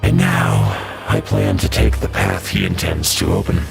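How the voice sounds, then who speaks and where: A man talking through a voice-changer filter that makes him sound deep and gravelly, dubbing game dialogue aloud in a slow, grave way. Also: sing-song, heavily acted. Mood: solemn. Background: game music.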